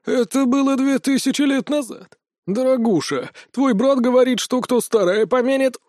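A man voicing a sarcastic, whiny ancient male trickster god with a shrill, theatrical manner. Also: expressive, normal speed, warm tone, no room sound, clean studio sound.

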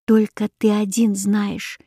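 A woman's voice: medium pitch, level tone, slow pace, warm tone, slightly rough, no echo, studio quality. Woman reading a thoughtful young princess. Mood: pensive. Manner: pensive, questioning.

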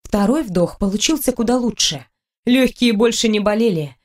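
A woman narrates a first-person fantasy novel in a calm, steady way. Her voice sits somewhat high for a woman, and her reading is even and unhurried. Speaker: audiobook narrator.

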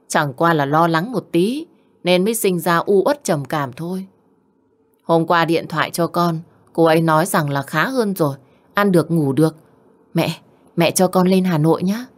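A woman's voice: on the low side, moderate pace, close to an everyday voice. A woman voicing a worried young husband who pleads with his mother. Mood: pleading.

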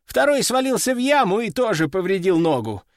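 A matter-of-fact army sergeant delivering his report in a formal, dutiful tone, as a male narrator puts him on. The voice sits high and swings widely in pitch, with a dry, close storybook sound. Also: big pitch swings, brisk, dry recording.

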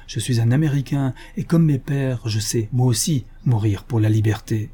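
A man's voice: mid-range voice, fairly even intonation, moderate pace, warm tone, slightly rough, natural voice. A man voicing a proud young frontier hero in an audiobook, declaiming with impassioned, ringing force. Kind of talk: audiobook character voice.

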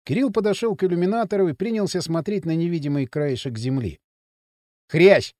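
A man narrating an audiobook in an expressive storytelling manner, close to the mic. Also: fairly high pitch, quick pace, dry recording.

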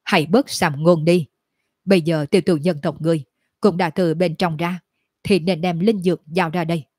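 A woman's voice: fairly low pitch, fairly even intonation, normal speed, mellow, husky, no echo, clean studio sound. A woman reading as a fierce young demon lord. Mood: menacing.

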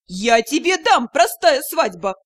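A woman's voice: high voice, expressive, unhurried. A woman playing a sly young elf man, hissing. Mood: insistent. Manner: hissing, insistent.

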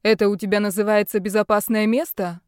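A woman voicing an elderly male doctor with a creaky voice, full of emotion. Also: medium pitch, flat delivery, fast, no room sound, clean studio sound, natural voice. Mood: sardonic.

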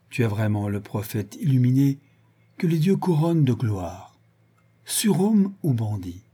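A man's voice: mid-range voice, slightly rough. A man voicing a brutal, drunken, grandiose male villain who rants and hurls insults, in an audiobook reading. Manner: ranting, exalted, shouting insults.

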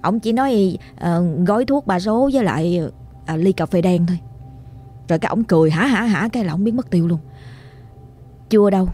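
A woman with a Southern Vietnamese accent, narrating a ghost story in an animated, exclamatory way. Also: mid-range voice, a little fast, long pauses, faint music behind.

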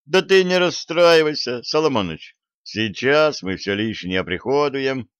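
A man's voice: medium pitch, expressive, measured pace, smooth, no echo, voice pushed up, lightly acted. A man voicing a cheeky, brash young male royal gossip. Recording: dull lo-fi dry recording.

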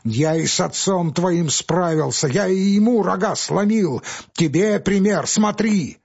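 A man voicing a fat, spiteful older male estate clerk who sneers and threatens, on a husky, lo-fi audiobook recording. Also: on the high side, lively intonation, a little slow, pitched above the performer's own voice, exaggerated voice. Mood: threatening.

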